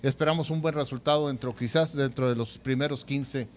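A masked male speaker talks fairly quickly into a handheld mic, his medium-pitched voice holding a steady tone. As a sports show co-host, he delivers commentary and analysis over noticeable background noise.

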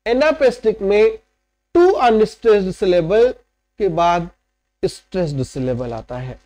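Male lecturer, patient and repetitive, slow delivery, animated intonation, keeps asking "right?". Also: high voice. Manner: repeats each point and keeps checking understanding with "right?"; mixes in slow, word-by-word English definitions. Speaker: literature teacher. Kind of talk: online lecture explaining poetic meter.

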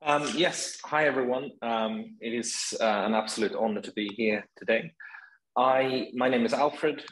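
A man in his forties from Sweden, a guest on a video-call interview, speaking in a relaxed way with many ums. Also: mid-range voice, measured pace, slight background noise, poor audio. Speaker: guest, startup founder.

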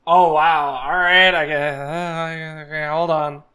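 A man's voice: a little high, level tone, takes it slowly, pushed and bright. A young man co-hosting a casual, opinionated reaction chat, repeating words for emphasis. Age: young adult. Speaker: co-host. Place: indoors at home on a video call.

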